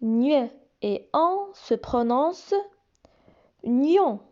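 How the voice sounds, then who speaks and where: A woman teaching young children to read, sounding out each syllable slowly and repeating it. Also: sits high, animated, warm tone, lo-fi sound. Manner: slow, deliberate, repeats and stretches each sound. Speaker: reading teacher. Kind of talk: slow phonics lesson for young children.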